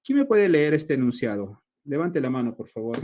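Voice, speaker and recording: A Latin American man teaching an online class, explaining slowly and voicing his students' questions himself. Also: medium pitch, sing-song, darkish tone, a little hiss or hum.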